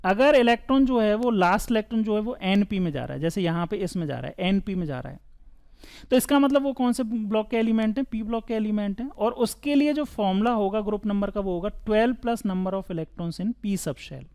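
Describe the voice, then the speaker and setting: Smooth-voiced male chemistry teacher. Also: high-pitched, brisk, a little mellow. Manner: asks questions and answers them himself; casual, chatty classroom tone. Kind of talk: board lesson.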